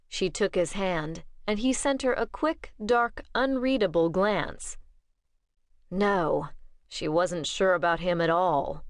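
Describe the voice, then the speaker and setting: A woman narrating an audiobook in a measured, steady storytelling manner. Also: fairly low pitch, no room sound, studio quality.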